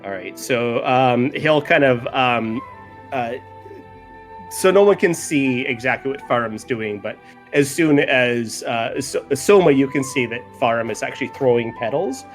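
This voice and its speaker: A man improvising as a tabletop game master in a casual way, halting and repeating words as he goes. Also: medium pitch, soft background music.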